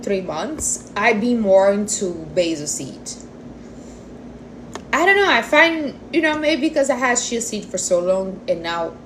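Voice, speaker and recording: Over some background noise, a woman of forty chats informally with her livestream viewers, fielding their diet questions in non-native English phrasing. She speaks at a medium pitch in a casual, conversational way.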